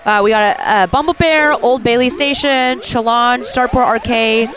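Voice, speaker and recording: A man's voice: very high-pitched, unhurried, fairly bright tone. A man casually commentating an arcade tournament stream, loose and chatty, often laughing.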